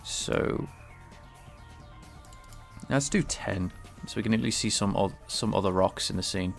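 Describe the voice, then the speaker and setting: A lowish, gravelly man's voice moves a little slowly against soft background music. He's a game developer streaming his work, casually explaining his game engine as he live-codes and thinks aloud, hesitating and restarting a lot. A cold leaves him sounding slightly nasal and congested.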